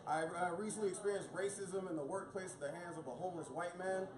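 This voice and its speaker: A man's voice: sits high, quick pace. A man in his thirties from Florida doing a profane stand-up set, telling stories and acting out the voices of people in them. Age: 30s. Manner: profane, storytelling, acts out quoted voices. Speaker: stand-up comedian. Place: small dark comedy venue. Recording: echoey room with loud crowd. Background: audience laughter.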